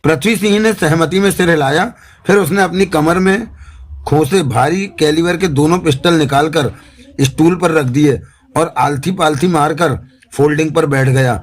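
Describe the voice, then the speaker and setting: A man narrating a thriller audiobook in a measured, dramatic way. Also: fairly high pitch. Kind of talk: scripted narration.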